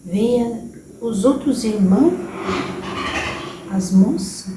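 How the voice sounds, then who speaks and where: A woman with a Brazilian accent channeling a gentle, wise old grandmother spirit, speaking slowly and soothingly in a motherly tone that drops into whispers, recorded from a distance in a roomy space. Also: fairly high pitch, lively intonation, slight background noise. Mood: tender. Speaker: spirit medium.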